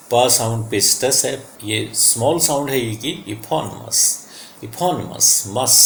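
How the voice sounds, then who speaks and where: A man's voice: medium pitch, reverberant, slight background noise. A man with an Indian English accent teaching English vocabulary, switching between Hindi and English and drilling pronunciation carefully. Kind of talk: vocabulary lesson.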